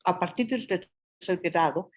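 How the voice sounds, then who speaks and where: A woman reading a prepared history lecture aloud, careful and measured, slowing down to sound out Nahuatl place names. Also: lowish voice. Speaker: historian presenting her book.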